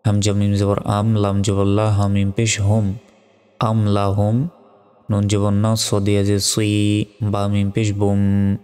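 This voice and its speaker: A man teaching Quran reading, spelling out each word slowly and evenly, then reciting it in long drawn-out tones. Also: on the low side, clear, resonant tone, long reverb tail. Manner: slow, even spelling drills, with drawn-out recitation.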